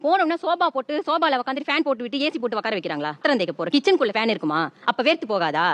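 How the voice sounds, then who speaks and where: Woman domestic worker in a debate, very fast and high, indignant, stacking rhetorical questions. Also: animated, fairly bright tone, no room sound. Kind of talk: heated debate.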